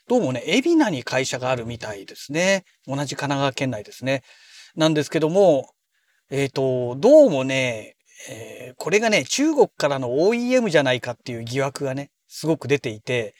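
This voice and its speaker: A man hosting a daily audio log from inside a car, talking in a polite, chatty way with many soft fillers. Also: on the high side, no echo. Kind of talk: casual solo talk.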